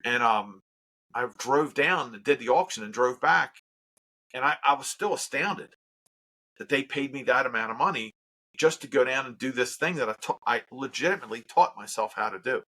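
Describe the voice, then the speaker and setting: A man's voice: medium pitch, lively intonation, moderate pace, sharp tone. A man who works as a charity auctioneer, telling his story in a casual interview with earnest emphasis and repeats.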